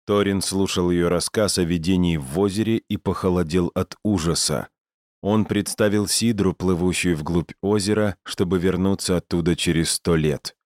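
A man narrating an audiobook in a measured, even storytelling manner. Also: deep voice, no echo, studio quality. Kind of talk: scripted narration.

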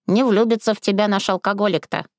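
A woman's voice: medium pitch, lively intonation, moderate pace, vocal fry, darkish tone, no echo, studio quality, voice pushed up. A woman reading a storybook and voicing a crafty, rude old village woman who flips between sugary coaxing and coarse scolding. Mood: coaxing, bossy. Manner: sing-song sugary then snapping, coarse.

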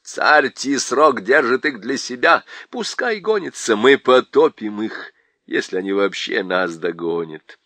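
A proud young king, voiced by a male storyteller, firm and sure of himself. His speech is slow and lively in pitch, with a bright tone. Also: dry recording. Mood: confident.

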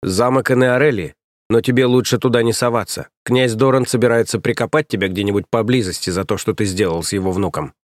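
A man's voice: lowish voice, brisk, no room sound, studio quality, lightly acted. A man voicing a cool, mocking male knight rival. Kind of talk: audiobook character voice.

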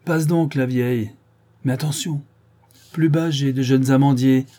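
A man's voice: mid-range voice, fairly even intonation, a little slow, mellow, pitched above the performer's own voice, close to an everyday voice. A man voicing a bad-tempered old farmer and father who roars and mocks in coarse words. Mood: gruff. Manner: roaring, coarse, mocking.

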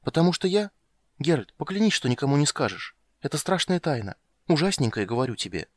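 Brief: chatty, insistent little princess girl, put on by a male reader; high, dry studio sound. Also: dry recording. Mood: excited, insistent. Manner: pleading, fast excited chatter.

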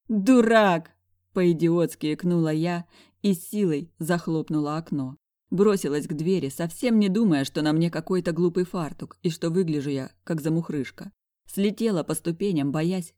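Audiobook narrator, first-person novel reading, mid pitch, dry studio sound. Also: mellow, dry recording. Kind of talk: scripted narration of a romance novel.

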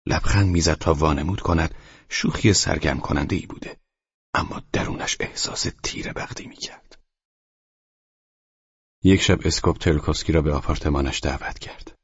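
A man narrating an audiobook in a quiet, measured way, sometimes dropping close to a whisper. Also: very deep voice, slightly rough, no room sound. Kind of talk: scripted narration. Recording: dry, dull lo-fi studio recording.

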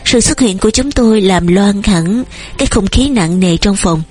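Breathy woman reading a novel. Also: mid-range voice, lively intonation, normal speed, a little mellow, faint music behind. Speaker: audiobook narrator. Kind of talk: scripted narration.

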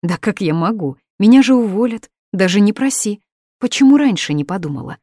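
A woman's voice: fairly low pitch, a little fast, a little mellow, no room sound, studio quality, lightly acted. A woman voicing a chatty theater administrator who exclaims and teases. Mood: teasing.

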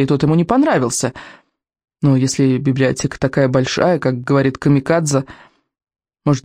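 A reader narrating a children's book in an expressive storytelling manner. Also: mid-range voice, no room sound, studio quality. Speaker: audiobook reader. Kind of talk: scripted narration.

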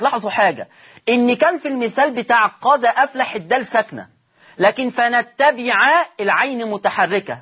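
A man with an Egyptian accent teaching Quran recitation rules on television. He explains step by step, asks questions and answers them himself, and slows into chanting for the examples. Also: sits high, fairly bright tone, husky. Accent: Egyptian Arabic.

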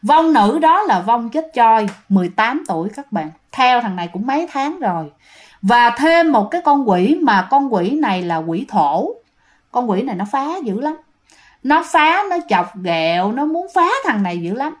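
A young woman with a Southern Vietnamese accent narrates a ghost story in a loose, conversational way. Her voice sits a little high, and she fills pauses and repeats words to build suspense. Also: very animated. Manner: chatty, many fillers, repeats words for suspense. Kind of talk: casual spoken storytelling to listeners.

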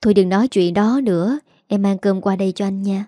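A woman voicing a gentle young daughter-in-law who speaks softly and politely. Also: medium pitch, a little fast, no echo, studio quality, natural voice.

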